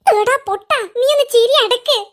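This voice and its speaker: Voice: extremely high pitch, moderate pace, fairly bright tone, soft background music. Salman, a giggling teasing cartoon boy. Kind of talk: cartoon voice acting.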